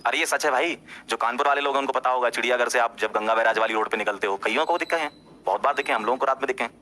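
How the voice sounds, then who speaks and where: A man, a teacher, casually telling a story to his class, talking straight to his listeners and often checking in with them. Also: racing. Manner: animated, jumps up in pitch when insisting.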